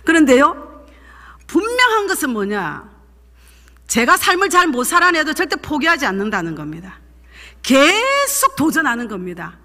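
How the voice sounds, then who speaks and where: A woman's voice: sits high, huge pitch swings, moderate pace, sharp tone. A woman, a pastor's wife giving an emphatic, fervent sermon testimony. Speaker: pastor's wife leading a seminar. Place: church sanctuary. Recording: echoey church hall.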